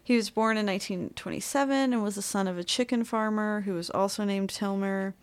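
A woman's voice: medium pitch, brisk. Chatty young woman telling a story. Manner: chatty, filler-heavy, laughs easily. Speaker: podcast co-host. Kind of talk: casual true-crime storytelling.

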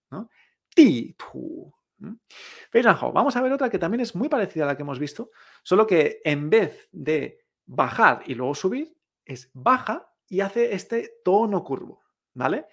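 A woman teaching Chinese tones in Spanish in a podcast lesson, lively and drilling words slowly, with frequent tag questions. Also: low voice, gravelly.

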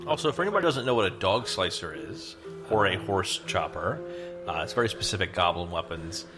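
A man's voice: deep voice, expressive, fairly quick, over music. A man at a tabletop game casually explaining game rules. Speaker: player.

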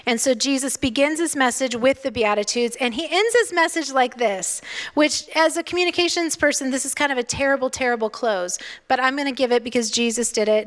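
Middle-aged woman preacher, bright high voice, playful asides, hushed emphasis, reverberant hall. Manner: expressive, playful asides, drops to a hush for emphasis. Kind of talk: sermon.

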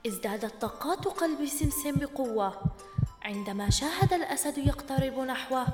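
Female storyteller host, high voice, echoey roomy sound. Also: lively intonation, normal speed. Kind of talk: scripted children's story narration. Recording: roomy reverb, long echo, soft music bed. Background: faint background music.

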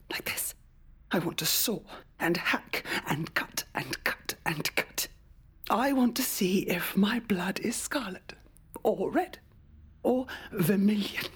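An actress playing a bitter, unhinged young mother who speaks in hushed, menacing whispers. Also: on the low side, exaggerated voice. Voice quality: breathy.

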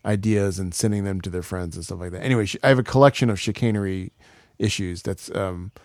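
A man co-hosting a podcast, talking in a relaxed way with many fillers. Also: sits low, quick pace, dry recording, clean studio sound. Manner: relaxed, lots of "like" and "um". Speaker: podcast co-host. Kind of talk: casual chat.

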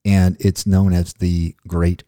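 Low, dark-voiced male podcast host. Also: flat delivery, slow, dry recording, studio quality. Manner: rambling, jokey, goes off on tangents. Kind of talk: casual chat.

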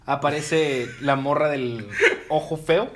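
A man's voice: on the high side, fairly even intonation, slight background noise. A man recapping comics in casual chat, briefly acting out the characters' lines. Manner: retells scenes with quick quoted voices.

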